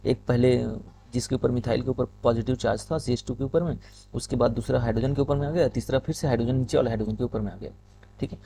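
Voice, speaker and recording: A man teaching a chemistry lesson from slides. He often checks in with "okay" and reads English passages slowly. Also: mid-range voice, creaky, dark tone, a little hiss or hum. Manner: repeats "ठीक है", reads English lines slowly. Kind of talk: lecture explaining slides.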